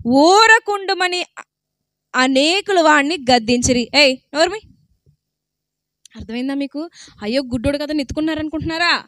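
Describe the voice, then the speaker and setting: A woman preacher with a very high, bright voice tells a story from the pulpit, asking her congregation question after question as she goes. Her voice comes through close and dry, with no room around it. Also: a little fast, dry recording. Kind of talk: sermon.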